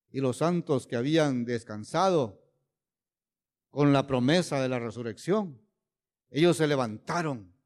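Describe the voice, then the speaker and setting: A man preaching a sermon who keeps asking his listeners "¿ve?" and "¿verdad?", moving between loud emphatic lines and low, quiet asides.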